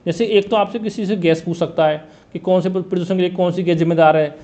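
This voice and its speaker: A man coaching exam candidates in Hindi, briskly setting out a study plan and often checking in with "theek hai" and "dosto". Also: sits high, steady tone, dark tone. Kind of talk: exam strategy talk.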